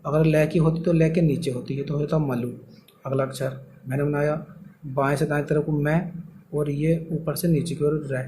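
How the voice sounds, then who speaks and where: Man, shorthand teacher, patient step-by-step lesson, asks and answers himself, slightly high voice, faint background noise. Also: steady tone, moderate pace, mellow, rough recording. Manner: explains patiently, asks and answers his own questions.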